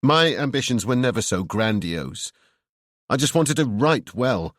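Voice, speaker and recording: A man's voice: mid-range voice, animated, a little slow, a bit bright, no echo, studio quality. A man reading an audiobook, voicing a tense, restrained author who speaks in a strained, barely civil way.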